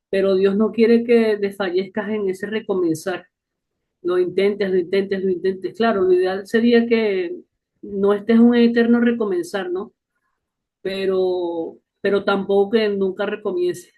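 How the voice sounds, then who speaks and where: A man speaking to a faith group, telling stories in a casual, lively way. He often adds short tag questions and laughs along as he talks. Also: high-pitched. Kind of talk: casual storytelling talk.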